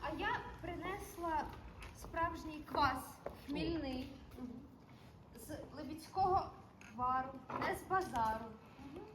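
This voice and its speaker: A woman playing a teasing, brisk kvass seller in a historical stage performance. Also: high voice, roomy sound, noisy background. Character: sharp-tongued woman bringing kvass. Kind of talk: historical theatre acting. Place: outdoors at night.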